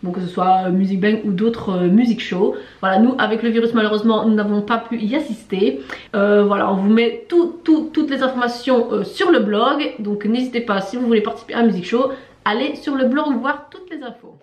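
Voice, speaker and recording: Her voice runs on the high side with a darkish tone, a little fast, and the sound is reverberant. She's a travel vlogger co-hosting and guiding casually, chatty, full of fillers, and quick to laugh at herself.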